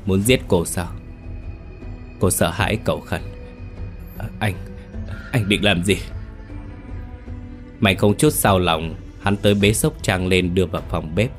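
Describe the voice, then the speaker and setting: A man narrating a dark family story in a somber, scripted telling. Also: sits low, normal speed. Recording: faint background music.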